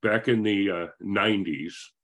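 Friendly low-voiced man telling his life story. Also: unhurried, a bit bright. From Northern California. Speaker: interview guest. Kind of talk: casual interview over video call. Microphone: video call.

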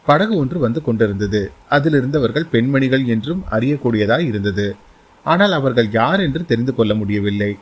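A man narrating a historical novel as an audiobook, in a steady, dramatic storytelling manner. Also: mid-range voice, husky.

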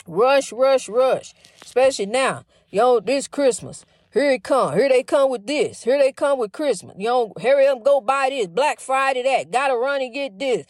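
High-voiced fervent middle-aged woman preaching. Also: lively intonation, normal speed, a little mellow, dry recording, clean studio sound. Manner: fervent, keeps calling the listener honey, many you-knows. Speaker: inspirational speaker. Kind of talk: casual spiritual pep talk.

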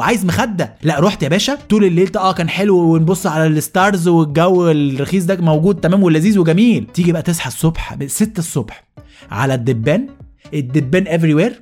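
Egyptian guy ranting comedy bit, talks super fast, high voice, all exasperated. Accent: Egyptian Arabic. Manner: animated, exasperated, rapid-fire. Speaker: host. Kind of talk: comedic rant monologue.

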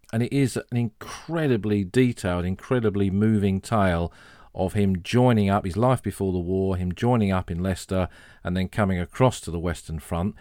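A man hosting a history podcast, telling the story in a measured, earnest way. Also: low voice, a little mellow, no room sound, clean studio sound.

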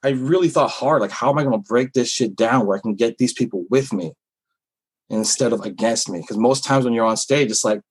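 In a casual interview, a Filipino-heritage comedian speaks openly in a husky, mid-range voice at a slightly fast pace. He rambles, filling his talk with fillers and restarts, on a rough recording.

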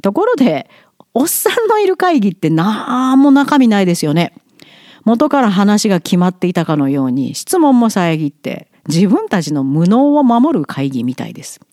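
A middle-aged woman from Japan giving a blunt, emphatic monologue with quick asides. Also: mid-range voice, very animated, dark tone, no room sound, studio quality. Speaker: vlogger commenting on society. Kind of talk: outspoken monologue.

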